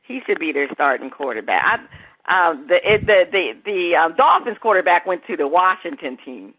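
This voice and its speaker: A woman hosting casual sports talk, chatty and quick to laugh, thinking aloud as she goes. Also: lowish voice, very animated, breathy edge. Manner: chatty, laughs easily, searches for names aloud. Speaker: sports talk show host. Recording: phone-like narrow sound.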